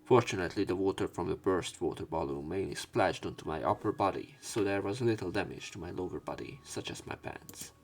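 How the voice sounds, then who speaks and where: A man reads a visual novel aloud as a let's player, acting out the dialogue expressively in dramatic narration. His deep, creaky voice moves fairly quickly with few pauses.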